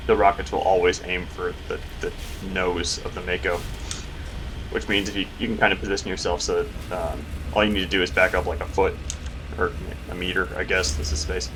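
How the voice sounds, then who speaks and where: Low-voiced man giving casual game commentary. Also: level tone, a little fast. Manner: wry, explanatory, lightly joking. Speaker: gamer host. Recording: clear game noise behind. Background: video game sound effects, vehicle noise.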